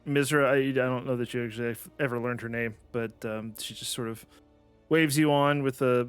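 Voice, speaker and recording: A man narrating a tabletop game as game master, halting and full of fillers. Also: mid-range voice, fairly even intonation, clean tone, soft background music.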